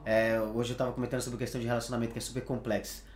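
A man with a Brazilian Portuguese accent hosting a podcast, chatty and quick to laugh, using casual slang. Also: medium pitch, level tone, background noise. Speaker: podcast host. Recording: echoey room.

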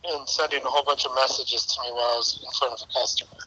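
A man's voice: medium pitch, steady tone, rapid-fire, sharp tone, slightly rough. A man calling in on a phone set to speaker, chatting casually and rambling through a story with self-corrections. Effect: heard over a phone on speaker. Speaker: phone caller. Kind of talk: casual chat. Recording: tinny phone speakerphone audio.

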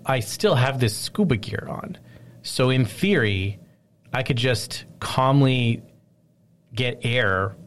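Low-voiced man telling a rambling story. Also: gravelly, slight background noise. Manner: rambling, animated storytelling with many fillers. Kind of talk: casual chat.

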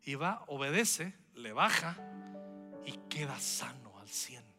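A man preaching a lively sermon to his congregation. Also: medium pitch, slow, vocal fry, over music. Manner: lively preaching with acted-out quotes. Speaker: pastor.

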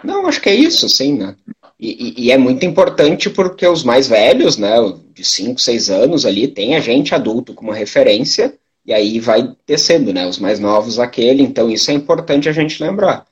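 A man teacher from Brazil answering audience questions in a relaxed, hesitant way, with lots of filler words. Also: medium pitch, husky. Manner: unhurried, hesitant, many fillers. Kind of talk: live educational talk answering questions. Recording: dull lo-fi sound.

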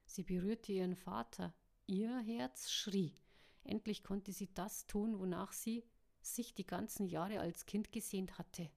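A woman narrating a storybook chapter in a steady, even reading voice. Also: mid-range voice, slow pace, creaky. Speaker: audiobook narrator.

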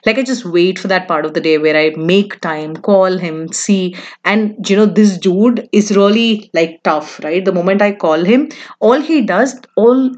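A woman's voice: mid-range voice, unhurried, a little mellow, highs cut off. A woman, casually telling a personal story in a chatty, confiding way, with frequent asides to the listener.

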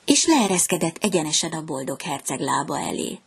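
Woman storyteller reading a fairy tale. Low and breathy, gentle and measured. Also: big pitch swings.

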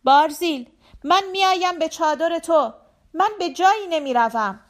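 A woman's voice: extremely high pitch, voice pushed up. A woman reading an audiobook voices a carefree young male rider who talks in an easygoing, cheerful way.

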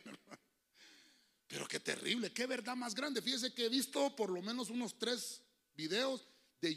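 A man preaching a sermon as a pastor in a church, shifting from fiery outbursts to quiet asides and speaking to the congregation as brothers. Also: sits high, creaky. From Honduras.

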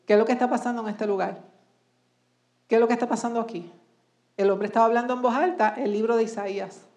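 Woman preacher, slightly high voice, questioning, reverberant church hall. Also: steady tone, fast talker, a little mellow. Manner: asks the congregation many rhetorical questions. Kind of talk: sermon.

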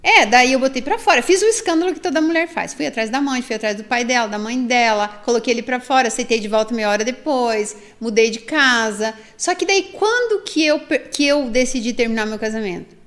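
A woman's voice: a little high, brisk, hardly any pauses. A Brazilian woman in her forties, a guest in an interview, telling a personal story candidly and with animation, acting out what others said. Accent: Brazilian Portuguese. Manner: animated, quotes others' words in voices.

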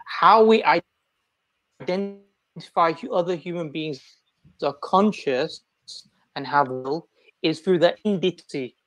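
A man's voice: a little high, unhurried, long pauses, a bit bright, dry recording, poor audio. A man arguing a philosophical point step by step over a video call, his audio choppy and breaking up. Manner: argumentative, explains step by step. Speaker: debater. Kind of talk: philosophical debate.

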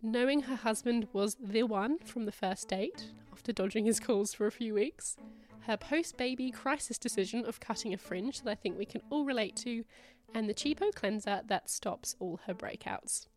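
A woman's voice: a little high, normal speed, darkish tone, soft background music. Woman host, nasal from a cold. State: nasal from a cold, losing her voice. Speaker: podcast host. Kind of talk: scripted podcast intro and interview questions.

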